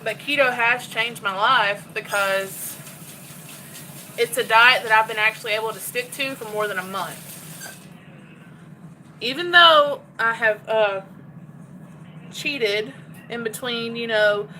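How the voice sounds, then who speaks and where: A woman's voice: a little high, steady tone, a little slow, pauses often, bright, forceful tone, a little hiss or hum, low-quality recording. A woman chatting candidly to her phone while cooking in her home kitchen. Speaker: cooking vlogger. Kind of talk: casual chat while cooking.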